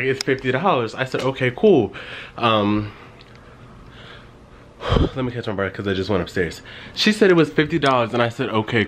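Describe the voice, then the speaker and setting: A man's voice: medium pitch, fairly bright tone, a little hiss or hum. A young man vlogging in a casual, rambling way, telling stories to his viewers with lots of "like" and asides. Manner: rambling, chatty storytelling with frequent "like". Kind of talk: casual vlog chat. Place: in his car, then at home.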